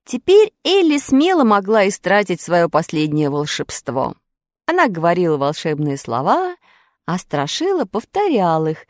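A woman narrating a children's fairy tale with lively, expressive storytelling. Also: lowish voice, no echo, studio quality. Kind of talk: audiobook fairy-tale reading.

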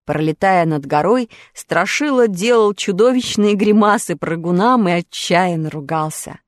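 A woman narrating a children's fairy tale with lively, expressive storytelling. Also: lowish voice, unhurried, no room sound, studio quality. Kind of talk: audiobook fairy-tale reading.

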